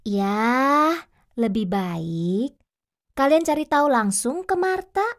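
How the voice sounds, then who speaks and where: A gentle, slow-speaking young Sundanese shopkeeper. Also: female voice, fairly high pitch, animated. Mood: advising. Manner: gentle, slow, advising delivery. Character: kind young woman shopkeeper, gentle older-sister type. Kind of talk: children's TV drama.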